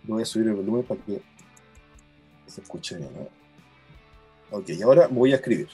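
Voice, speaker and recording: A man's voice: lowish voice, lively intonation, moderate pace, warm tone, soft background music. A man, an app co-founder, patiently explaining how a product works in a demo.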